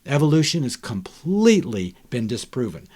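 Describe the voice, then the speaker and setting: A man's voice: mid-range voice, very animated, moderate pace, dark tone. An older man speaking as a guest on a podcast, emphatic and preachy, with frequent rhetorical questions. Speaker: guest author.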